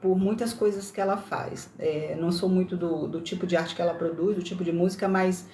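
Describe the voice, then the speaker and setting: Brief: woman, Brasília accent, low mellow voice, chatty live host, roomy echo. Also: fairly even intonation, brisk, slight background noise. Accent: Brasília Brazilian Portuguese, slightly mixed. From Brasília, Brazil. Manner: chatty, many tag questions and self-corrections. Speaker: livestream host. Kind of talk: casual livestream talk on spirituality.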